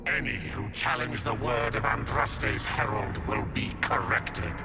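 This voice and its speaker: An actor playing a taunting, resentful demon of envy in a video game, theatrical, sneering and commanding. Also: male voice, on the low side, fairly even intonation, unhurried, loud music behind the voice. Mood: cold, sneering. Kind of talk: video game villain acting.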